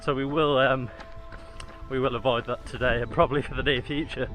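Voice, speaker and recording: A running vlogger talks casually to his viewers mid-run outside, his mid-range voice steady, fairly quick and a bit bright. Soft music plays in the background.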